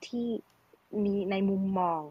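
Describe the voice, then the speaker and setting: A woman moderating a panel, speaking politely and haltingly as she searches for her words. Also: no room sound, muffled recording.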